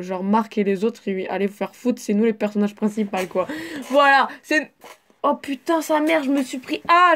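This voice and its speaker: A young woman reads her own story in a loose, chatty way. Her voice sits a little high, and she drifts into rambling, swear-filled asides. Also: fairly bright tone, a little hiss or hum. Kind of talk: casual story reading with asides.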